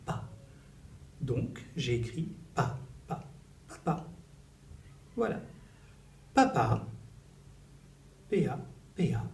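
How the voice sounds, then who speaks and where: A man teaching a recorded reading lesson to young children in a classroom, slow and animated, stretching his syllables. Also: fairly high pitch, distant mic. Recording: echoey room, voice a little off-mic, faint background noise.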